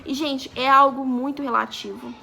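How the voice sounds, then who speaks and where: Bright, high-voiced young woman vlogger. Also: fairly even intonation, moderate pace, creaky. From Brazil. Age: 20s. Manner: chatty, acts out quoted dialogue. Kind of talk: casual storytelling vlog.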